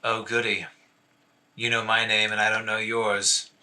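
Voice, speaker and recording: A man's voice: on the low side, monotone, unhurried, pushed and bright, slight background noise. A man voicing a stocky, cowled male gang boss with a dry, mocking manner.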